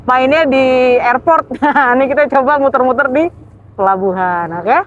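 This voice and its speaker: A woman's voice: high voice, normal speed. Chatty young woman. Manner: chatty, hesitant, trails off with fillers. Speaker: travel vlogger. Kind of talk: casual vlog narration. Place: outdoors at a ferry port. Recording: muffled outdoor audio with faint noise.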